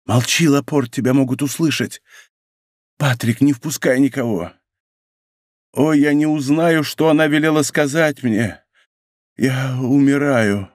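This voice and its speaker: A man's voice: medium pitch, a little slow, pauses often, dry recording, studio quality, natural voice. A man voicing a proud English duke who speaks with haughty command and later grows faint and weak. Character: proud English duke, imperious then dying.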